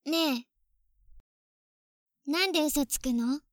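A woman's voice: sits high, takes it slowly, no echo, studio quality. A woman voicing a clingy, possessive younger sister on a phone call, sweet at first and coldly jealous underneath. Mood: menacing. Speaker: voice actress in phone-call role-play. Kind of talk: phone-call role-play drama.

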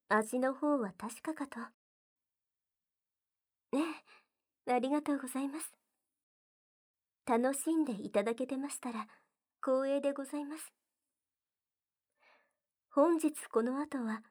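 A woman voicing a gentle, devoted young maid in an ASMR roleplay, speaking softly and very formally, often in a whisper. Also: high voice. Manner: soft-spoken, very formal polite speech, often whispered.

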